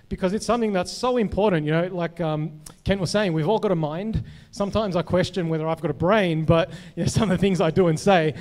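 A man, a psychologist sharing his testimony from the pulpit. His voice sits high for a man, and he talks in a loose, chatty way, full of "um" and "you know" and restarting his sentences. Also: darkish tone. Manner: conversational, many fillers and restarts. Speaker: guest speaker, psychologist. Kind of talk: personal testimony sermon.

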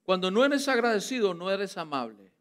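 Man, Costa Rican accent, high voice, very animated, teasing sermon. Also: a little fast. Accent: Costa Rican Spanish. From Costa Rica. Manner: playful, teasing, joking with the congregation. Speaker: preacher. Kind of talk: lively sermon.

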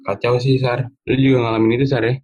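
A man's voice: mid-range voice, little pitch movement, fast talker, darkish tone, dry recording, dull audio. A young man, co-hosting a casual chat podcast, joking and teasing his guests. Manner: joking, repeats the listener's name. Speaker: podcast co-host.

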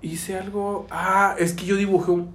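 High-voiced Mexican man telling stories. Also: unhurried, echoey room. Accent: Mexican Spanish. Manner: animated storyteller acting out quotes, laughing often. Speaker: podcast co-host. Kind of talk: casual chat.

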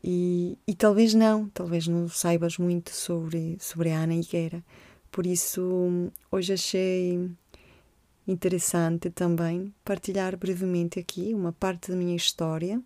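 A woman in her forties from Colombia, hosting a podcast and gently telling her own story, reflective and hesitant. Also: fairly low pitch, little pitch movement, unhurried, no echo. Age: 40s. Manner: gentle, reflective, with frequent hesitations and repeated words. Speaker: podcast host. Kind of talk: personal storytelling monologue.

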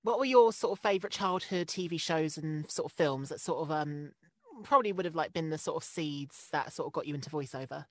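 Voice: medium pitch, fairly bright tone, no room sound, clean studio sound. An interviewer asking casual, friendly questions and agreeing readily. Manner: quick, agreeable, laughs easily.

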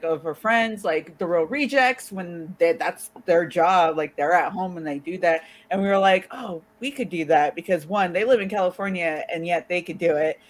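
A podcast guest in easygoing conversation, talking in long rambling runs. Sentences stack up with "like" and restarts as the thoughts form. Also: mid-range voice. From Arizona, USA. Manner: rambling, lots of "like" fillers. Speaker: podcast guest, co-creator of a YouTube channel. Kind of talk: casual chat.

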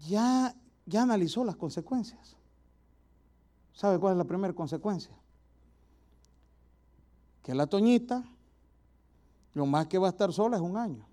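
A preacher man delivers a sermon, pressing his listeners with repeated rhetorical questions. His voice sits high for a man, yet it has a soft, mellow color. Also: animated, measured pace, pauses often.

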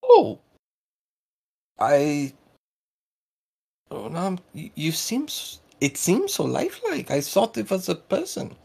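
Give me a man playing a shady smuggler with a mock Russian-German accent, gravelly and husky. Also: sits high, wildly swooping pitch, slow pace, pauses often, a little mellow, voice pushed up, exaggerated voice. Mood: flustered. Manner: fussy, affected foreign lilt.

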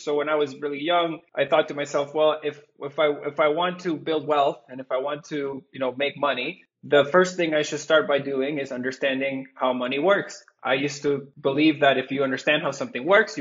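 A man's voice: medium pitch, a bit bright. A man from Venezuela, a company co-founder, answering interview questions earnestly, with some restarts. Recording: muffled lo-fi audio.

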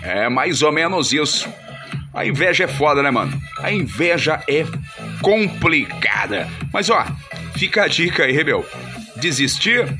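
Chatty host with music behind. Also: male voice, fairly high pitch, big pitch swings, unhurried. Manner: slangy, repeats filler words like "meu" and "mano". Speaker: radio-style host. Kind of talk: casual chat with sponsor shout-outs. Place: studio. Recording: music playing clearly behind.

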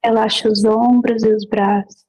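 A woman leading a guided meditation. She gives gentle, unhurried instructions with long pauses between them. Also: on the high side, flat delivery, rough recording.

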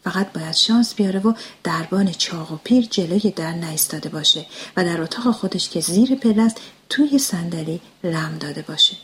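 A woman reading a short story aloud, often in a hushed, whispered voice. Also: fairly low pitch, slightly rough. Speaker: narrator. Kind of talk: storybook narration.

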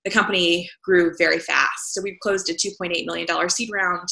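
A woman from the American South tells her story as an interview guest, chatty and loose with her fillers. Her low-set voice carries a gravelly, vocal-fry texture but sounds bright and forward. The room around her is echoey. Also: fairly even intonation, a little fast. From Southern United States. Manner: conversational, frequent fillers. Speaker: entrepreneur guest.

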